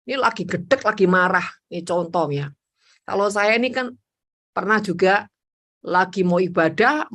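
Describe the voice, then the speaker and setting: A woman evangelist preaching a sermon, emphatic and animated, acting out her own prayers. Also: on the low side.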